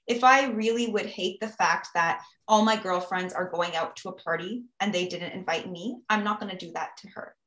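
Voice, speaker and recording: A woman's voice: on the low side, moderate pace, hardly any pauses, fairly bright tone. Woman chatting on a podcast, earnest, lots of "you know", kinda echoey room. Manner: earnest, advising, frequent "you know" and "right?". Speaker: guest speaker on mental health. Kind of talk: casual podcast conversation.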